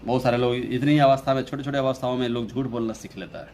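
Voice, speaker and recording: Slow, repetitive male Hindi teacher. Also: medium pitch, steady tone, a little mellow, a little hiss or hum. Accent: Indian English. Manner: slow, repeats phrases, reads English lines very slowly. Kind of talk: Hindi poetry lesson explaining a poem.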